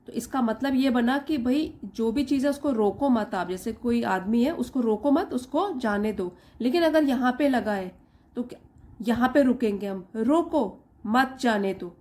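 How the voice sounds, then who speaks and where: A woman teaching an English reading lesson, reading English slowly word by word and explaining each part briskly. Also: a little high, warm tone.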